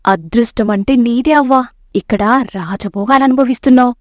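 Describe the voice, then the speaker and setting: A woman's voice: a little high, moderate pace, dry recording, studio quality, natural voice. A woman doing a caring young granddaughter.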